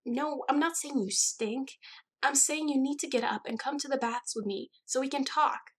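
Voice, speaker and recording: A woman voicing a bubbly, eager young friend with a high, excited voice. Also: normal speed, lightly acted. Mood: eager coaxing.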